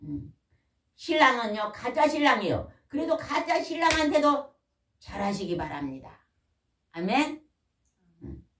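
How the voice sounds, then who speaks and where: An older woman preaching a folksy, animated sermon in a church, often asking the congregation questions. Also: on the high side, unhurried, pauses often, noisy background. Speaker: pastor's wife preaching. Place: church hall. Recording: echoey room, mic at a distance.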